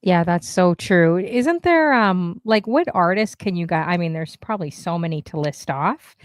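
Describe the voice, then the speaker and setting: A woman's voice: fairly low pitch, expressive, moderate pace, no room sound, studio quality. A woman from Canada hosting a casual livestream talk show, chatty and upbeat, with lots of fillers.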